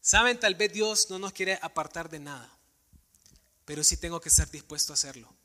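Earnestly delivering a sermon, a male preacher poses searching questions directly to his congregation at a moderate pace. His voice is slightly high, bright, and sharp, and a long reverb suggests a large church sanctuary.

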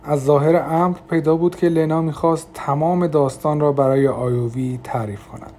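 A man narrating an audiobook in a calm, measured reading voice. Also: fairly high pitch, slight background noise. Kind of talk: scripted narration.

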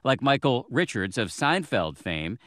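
Bright-voiced American male news reporter. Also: mid-range voice, very animated, a little slow. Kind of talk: scripted news narration.

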